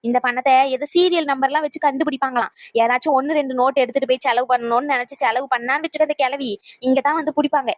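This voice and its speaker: A woman voicing a sharp-tongued older mother-in-law in a cartoon, who scolds rapidly and bossily. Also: high voice, fairly even intonation, dry recording, lightly acted. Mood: scolding. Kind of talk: cartoon voice acting.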